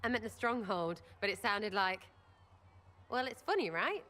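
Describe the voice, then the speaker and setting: A woman's voice: medium pitch, very animated, moderate pace, pushed and bright. An actress playing a blunt, sarcastic young woman archer in a video game, crude and irreverent. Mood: flippant. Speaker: companion character in a video game.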